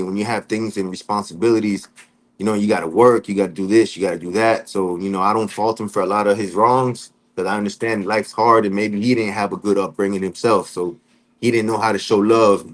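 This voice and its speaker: In a laid-back interview, a Florida man recounts his life as a podcast guest, his voice sitting lowish. His talk is loose street slang, peppered with "you know what I'm saying."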